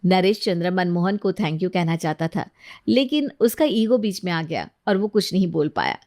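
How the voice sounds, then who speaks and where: A woman narrating a moral cartoon story for children in a plain, even manner. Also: fairly low pitch, moderate pace.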